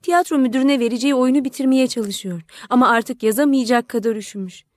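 A woman voicing a gentle, selfless male prince statue in an audiobook, speaking softly and imploringly. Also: on the high side, quick pace, no room sound, studio quality, natural voice. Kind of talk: audiobook character voice.

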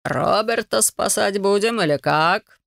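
Dry, mocking ghost aristocrat read by the narrator, unhurried. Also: mid-range voice, vocal fry, a bit bright, no echo. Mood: sardonic. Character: sardonic male ghost, an aristocratic viscount.

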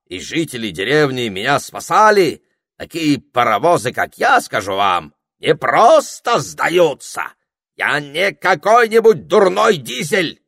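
A man's voice: a bit bright, no echo, studio quality, heavily acted. Madame Hortensia, a man doing a shrieking French engine. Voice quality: husky, shrill, theatrical. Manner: dramatic, squealing, flirtatious. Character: fussy elderly French female steam locomotive.

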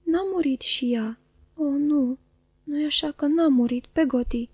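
A woman's voice: high voice, darkish tone, dry recording, lightly acted. Woman doing a frightened pleading boy. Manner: urgent, pleading questions.

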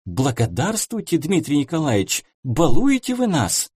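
A man's voice: on the high side, huge pitch swings, unhurried, a little mellow, breathy edge, no room sound, clean studio sound, voice pushed up, exaggerated voice. A man voicing young seamstresses who chirp their replies eagerly. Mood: chirpy.

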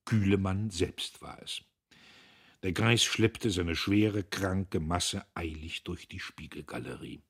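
A man reading a classic novel aloud in measured, dry storytelling narration. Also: sits low, breathy edge. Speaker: audiobook narrator. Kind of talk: scripted literary narration.

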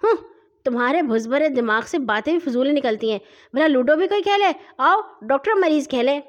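A woman puts on a bossy bully boy from a children's storybook. He scolds loudly in a high, lively voice that rushes along. The recording is dull and lo-fi. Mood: mocking. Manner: loud, scolding, quick.

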